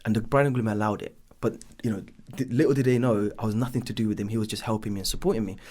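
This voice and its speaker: A podcast guest who founded a business talks fast in a lowish, darkish voice with fairly even intonation. He is in his thirties, Bangladeshi-born and East London-raised, with a London accent. His life story comes out loose and rambling, peppered with ums and "should I say".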